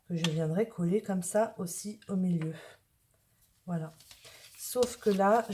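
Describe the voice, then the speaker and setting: A woman from northern France talks viewers through a craft project at an unhurried, easy pace. Her voice is soft and mellow, with a chatty, homely manner as she works with her hands, and a faint hiss sits under it. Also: medium pitch. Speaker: craft tutorial host. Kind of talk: casual craft tutorial narration.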